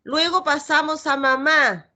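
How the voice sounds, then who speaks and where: A woman's voice: sits high, measured pace, sharp tone. A middle-aged woman with a Chilean accent teaching a reading lesson, patiently sounding out letters and syllables. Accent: Chilean Spanish.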